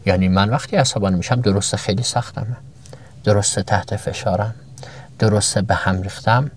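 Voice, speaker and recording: A man's voice: fairly low pitch, steady tone. A man giving a motivational self-knowledge talk to his listeners, asking many rhetorical questions and stacking up examples, his voice often jumping upward for emphasis.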